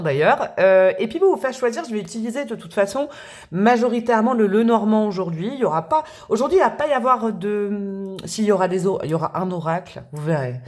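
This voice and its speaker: A woman's voice: mid-range voice, darkish tone. Woman tarot host, casual and rambling, self-mocking; everyday speaking voice. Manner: chatty and rambling, laughs at herself. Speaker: tarot reader and channel host. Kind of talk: casual tarot reading to camera.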